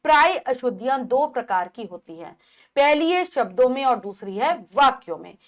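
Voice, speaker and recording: A woman's voice: sits high, lively intonation, moderate pace. A woman from India teaching a grammar lesson to children, reading words aloud, repeating each one and explaining the correct spelling.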